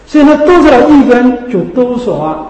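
A man's voice: very high-pitched, big pitch swings, fairly quick, a little mellow. A man teaching as a Buddhist preacher, repeating himself and asking rhetorical questions to check that listeners follow. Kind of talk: Buddhist sermon. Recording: echoey hall reverb.

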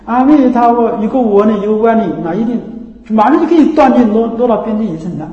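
A man's voice: very high voice, animated, fast, muffled recording. A man giving a Buddhist dharma talk as teacher, explaining patiently and often checking that listeners follow. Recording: echoey hall with long reverb.

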